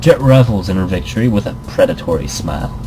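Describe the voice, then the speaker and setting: The recording is rough, with music and other noise in the background, as a let's player speaks fast in a low, animated voice. He reads visual novel text aloud while rambling, interrupting himself, and making playful asides.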